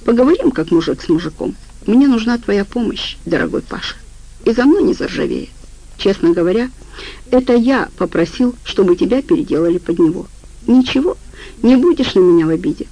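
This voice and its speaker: A woman reading the part of a soft-spoken, persuasive and quietly menacing middle-aged man in an audiobook. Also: mid-range voice, expressive, a little fast, low-quality recording. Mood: coaxing. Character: sly, coaxing middle-aged man boss.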